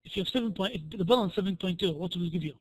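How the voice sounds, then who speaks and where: Hoarse, high-pitched man giving a lecture. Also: poor audio. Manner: halting, repeats and restarts phrases. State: hoarse, voice worn out from a previous lecture. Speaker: programming lecturer. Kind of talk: spoken lecture with worked examples.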